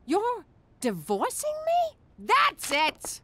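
A woman's voice: extremely high pitch, huge pitch swings, very slow, a bit bright, a little hiss or hum, exaggerated voice. A woman voicing a brash, exasperated, nagging mother in an adult cartoon. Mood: frantic, bossy.

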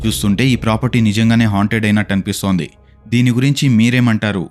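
Fast-talking man narrating ghost clips. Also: fairly low pitch, faint music behind. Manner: brisk, steady storytelling, asks viewers questions. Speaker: narrator of a ghost video compilation. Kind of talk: scripted narration.

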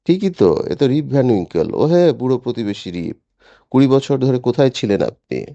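A man voicing a frail old village woman who calls out with a high, raised voice in an audiobook. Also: sing-song, brisk, mellow, no echo, dull audio. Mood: astonished.

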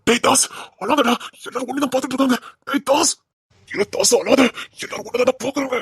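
Woman as worried young friend, urgent and coaxing, fairly high voice, dry sound. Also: quick pace, slightly rough, no room sound. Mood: urging. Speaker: friend consoling a crying man. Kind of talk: web series acting.

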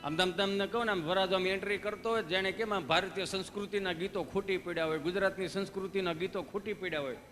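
Male stand-up storyteller, high and bright, folksy and chatty, live hall sound. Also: steady tone, fast, hardly any pauses. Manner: folksy storytelling, asks the audience questions, acts out dialogues. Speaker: stand-up comedian. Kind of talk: live Gujarati folk comedy (dayro). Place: live stage show before an audience. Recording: stage hall reverb with faint music.

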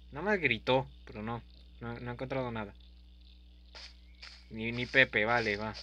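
A young man giving playful, goofy let's-play commentary, breaking into sudden yells and silly meowing. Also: mid-range voice, slight background noise. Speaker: gaming youtuber.

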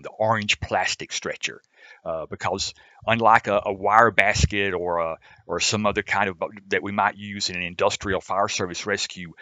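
Low, forceful man, rescue team member; halting delivery with frequent fillers, dry mic. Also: no echo. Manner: many fillers and restarts. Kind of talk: roundtable discussion.

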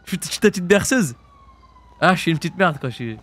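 A young French man streaming a roleplay game, chatting casually in slang and jumping into high shouts. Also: expressive. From France. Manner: casual slangy banter, quick jumps to high-pitched shouts. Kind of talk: live-stream roleplay chat.

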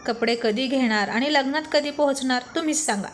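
A quick-witted young man full of teasing comebacks, as a woman reads him aloud. He comes through in a fairly high voice and needles his friends with dry jokes in a spoken love story. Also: slight background noise, lightly acted. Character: witty teasing young man, gang leader.

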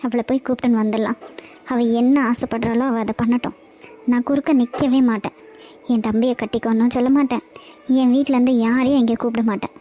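A woman's voice: on the high side, steady tone, fast, mellow, close to an everyday voice. A woman voicing a remorseful middle-aged mother and wife, who pleads and apologizes. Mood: pleading. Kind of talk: cartoon voice acting.

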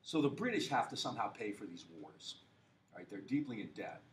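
Low-voiced male professor lecturing from afar. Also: very animated, a little fast. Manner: loose, joking lecture style with many fillers and rhetorical questions. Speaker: history professor. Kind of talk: university lecture. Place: lecture hall. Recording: far-off mic with faint hiss.

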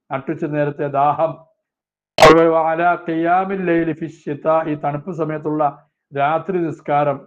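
A man teaching a religious text class. He reads Arabic phrases slowly, then explains each one quickly. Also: a little high. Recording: tinny phone-like lo-fi sound.

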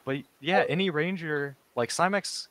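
A man narrating as game master in a tabletop game, relaxed and rambling. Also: on the high side, measured pace, dry recording.

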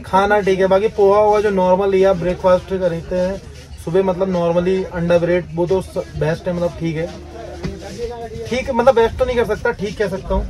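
A travel vlogger in his thirties films himself with a phone at arm's length in selfie framing inside a train coach, narrating casually to camera, calling viewers "guys" and himself "your brother." His voice is high-pitched, a little mellow, fairly even, at normal speed, with faint music behind and a rough recording.

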